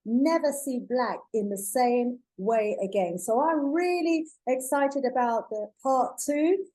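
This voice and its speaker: Woman host, high voice, mellow tone, enthusiastic introductions. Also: poor audio. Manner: warm, affirming, addresses audience as family.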